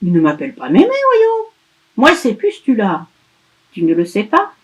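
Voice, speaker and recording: A woman's voice: mid-range voice, wildly swooping pitch, normal speed, rough recording. Woman putting on a grumpy old witch. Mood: scolding. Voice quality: loud scolding grumble. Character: grumpy old female witch, cranky and shouty. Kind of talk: storybook reading.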